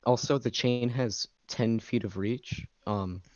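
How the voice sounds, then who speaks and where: A man playing in a tabletop game, explaining his moves in a halting, stop-start way. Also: medium pitch, steady tone, dry recording. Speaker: player. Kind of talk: casual game chat. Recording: dry, slightly dull mic.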